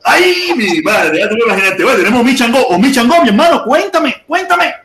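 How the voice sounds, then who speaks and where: A Cuban man hosts a live stream in a casual, excitable voice pitched high. Loud chatter from other voices rises around him. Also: fairly quick. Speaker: host.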